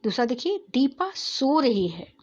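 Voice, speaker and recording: A woman teacher slowly and patiently explaining Hindi exercises to children, repeating each question and answer. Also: high-pitched, sing-song, highs cut off. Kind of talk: classroom-style lesson explaining Hindi exercises.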